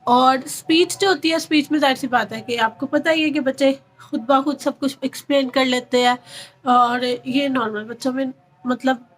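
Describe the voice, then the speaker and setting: A woman's voice: high-pitched, steady tone, normal speed. A woman giving earnest, casual advice to other parents, repeating phrases and using frequent fillers. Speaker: parent vlogger.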